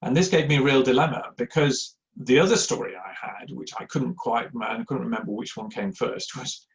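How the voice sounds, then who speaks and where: A middle-aged Yorkshire man with a gravelly edge, medium pitch and moderate pace speaks informally to a live audience about church giving. He rambles into personal anecdotes, pokes fun at himself and fills gaps with ums and uhs, all captured on a slightly dull, lo-fi recording.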